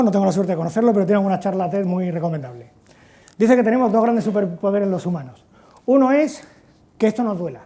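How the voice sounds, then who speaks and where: A man, giving a lively talk at an education conference. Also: high-pitched. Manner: lively storytelling, acts out quotes loudly. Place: conference hall.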